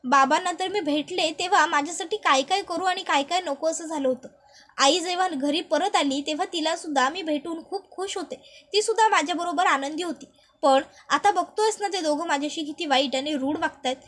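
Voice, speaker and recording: A woman voicing a young wife hiding a secret, who talks fast and turns defensive, in a high voice. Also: fairly bright tone. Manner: defensive, quick to snap back.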